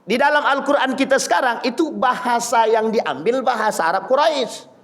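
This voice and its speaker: A man preaching a lively sermon to a congregation, telling stories, addressing the listeners directly and imitating the people he quotes. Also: very high-pitched, normal speed. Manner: lively storytelling, mimicking voices of people he quotes; addresses audience directly as Bapak Ibu.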